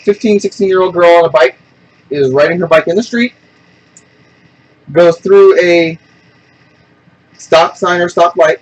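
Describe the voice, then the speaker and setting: Male podcast host, husky and fairly high-pitched, blunt, tells stories with lots of acted-out quotes. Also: a little slow, pauses often, highs cut off. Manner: animated storyteller who acts out quoted people; blunt and opinionated. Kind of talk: casual chat.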